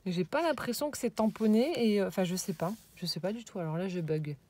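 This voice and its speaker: A woman talks through a handmade album in a relaxed show-and-tell way, pausing often to hunt for the right word. Her voice sits at an ordinary middle pitch, and she keeps slipping into hushed, admiring half-whispers. A faint hiss and a few small clicks sit under the voice. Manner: hesitant, searching for words, many fillers; admiring, drops into soft whispered asides. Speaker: vlogger showing a handmade scrapbook album.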